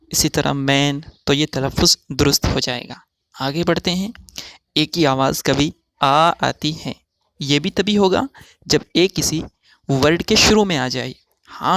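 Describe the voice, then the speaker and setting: A man teaching English pronunciation in a slow, methodical way, drawing out each example word. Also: a little high, creaky, fairly bright tone, no echo, studio quality. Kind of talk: recorded pronunciation lesson.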